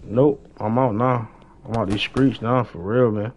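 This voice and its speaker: With a medium-pitched, darkish voice and fairly even intonation, this young streamer speaks a little slowly as he plays an online role-play game. His casual chat is packed with slang and repeated phrases, captured on a dull lo-fi mic with slight background noise.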